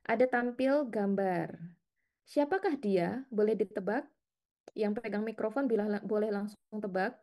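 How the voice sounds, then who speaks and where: A middle-aged woman lecturer teaching an interactive class, lively and chatty, coaxing students to answer and laughing often. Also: mid-range voice, measured pace.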